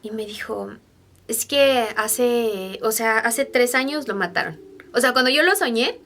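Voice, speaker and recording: A young woman, speaking a little high for a woman, tells her stories to camera in a loose, chatty way. She keeps talking to her viewers with fillers and asides, and a faint hiss sits underneath her voice. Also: expressive, a little slow, fairly bright tone. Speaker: vlogger. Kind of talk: personal storytelling to camera.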